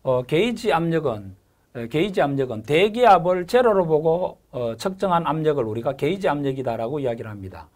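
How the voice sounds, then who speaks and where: Middle-aged male lecturer, slightly high voice, repeats terms, frequent "에" fillers and "그죠?" check-ins. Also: animated, a little mellow. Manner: repeats key terms, checks in with "그죠?" after each point; fills pauses with drawn-out "에". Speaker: lecturer for a gas engineering exam course. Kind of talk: recorded online lecture.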